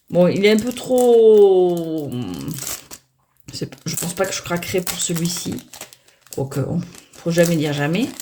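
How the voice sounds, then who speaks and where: Woman, casual unboxing host; lowish, fry-edged voice; hesitant, self-mocking, fillers throughout. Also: a little mellow, a little hiss or hum. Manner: chatty, hesitant, many fillers and restarts. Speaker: tarot deck reviewer.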